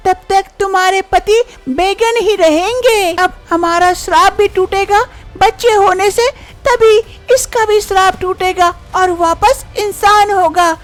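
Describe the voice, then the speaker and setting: A woman's voice: very high-pitched, a little slow. A woman voicing a stern female bird who has laid a curse, speaking in a matter-of-fact tone.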